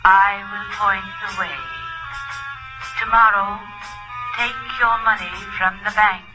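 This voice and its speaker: A woman's voice: mid-range voice, steady tone, over music, close to an everyday voice, low-quality recording. An actress playing the tender, solemn ghost of a dead mother in an unearthly voice, in old-time radio style. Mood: tender, worried. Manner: slow, solemn, drawn-out endearments.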